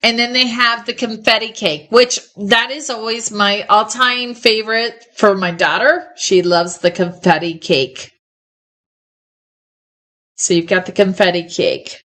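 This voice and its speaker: A woman's voice: medium pitch, a little slow, a bit bright. A middle-aged woman hosting a live online ornament sale, chatting casually and enthusiastically and often laughing, close to the mic. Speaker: host of a live ornament sales show. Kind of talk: casual live sales chat. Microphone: close mic, live stream.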